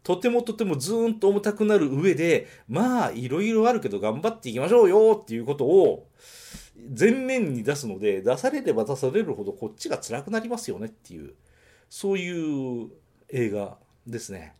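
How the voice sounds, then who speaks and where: A man's voice: on the high side, very animated, normal speed, dark tone. A man from Nagoya hosting a podcast, chatting casually about a film and correcting himself as he thinks aloud. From Nagoya, Japan. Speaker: podcast host reviewing films. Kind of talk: casual solo film review.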